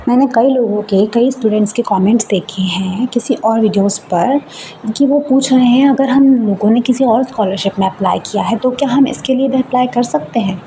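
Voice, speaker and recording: A woman's voice: on the high side, dark tone, a little hiss or hum, rough recording. Young woman casually explaining a form. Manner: reads English form text slowly, then explains it in Hindi. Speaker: student vlogger.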